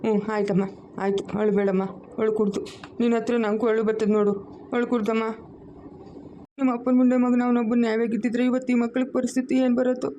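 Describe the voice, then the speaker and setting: A woman's voice: a little high, little pitch movement, fast, dark tone, dull audio, a little hiss or hum, lightly acted. A woman voicing an old grandfather in a family cartoon, lamenting and pleading. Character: old grandfather, grieving and stubborn.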